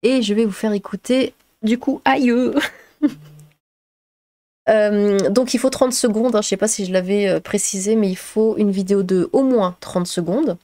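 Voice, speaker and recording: A woman's voice: medium pitch, moderate pace, few pauses, warm tone, no room sound. Woman youtuber rambling casually, lots of euh, dry close headset sound. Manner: rambling, chatty, many fillers. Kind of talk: casual chat to viewers.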